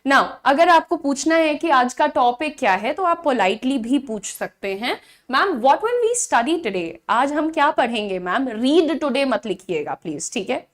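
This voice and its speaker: High-voiced woman teaching spoken English. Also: animated. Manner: says English model sentences slowly and clearly, then explains in Hindi; acts out chattering students in a quick high voice. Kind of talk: online spoken-English class.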